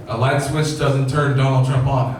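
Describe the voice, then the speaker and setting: Very reverberant noisy room, man, stand-up comedy, distant mic, irreverent deadpan delivery, open mic club. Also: mid-range voice, moderate pace. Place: small basement comedy club with audience. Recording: very echoey room, distant mic, clear noise. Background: room ambience and noise.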